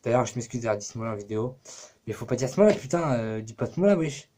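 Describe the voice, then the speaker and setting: A man's voice: medium pitch, lively intonation, fast talker, darkish tone, slight background noise. A man talking casually to his camera for his own channel, rambling and cursing with many fillers. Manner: rambling, profane, full of fillers. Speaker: YouTuber.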